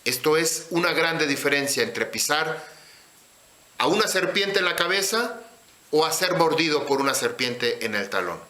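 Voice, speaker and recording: A man teaching scripture in a sermon, speaking slowly and deliberately and putting questions to his listeners. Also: fairly high pitch, expressive, bright, forceful tone, roomy sound. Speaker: religious teacher.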